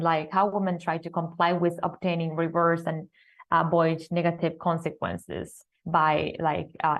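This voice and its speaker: Hesitant woman presenting her research. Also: fairly low pitch. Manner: hesitant, many fillers and restarts. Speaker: student conference presenter.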